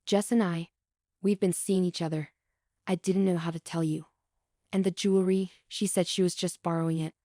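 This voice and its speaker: A woman's voice: on the low side, fairly even intonation, moderate pace, no echo, clean studio sound, natural voice. Woman reading as a guilty, pleading young son. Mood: apologetic. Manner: quiet, apologetic.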